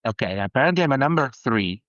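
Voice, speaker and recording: A man from Argentina, a perfumer, talking as a guest in a casual interview, halting with many restarts and growing animated when excited. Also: mid-range voice, dry recording, dull audio.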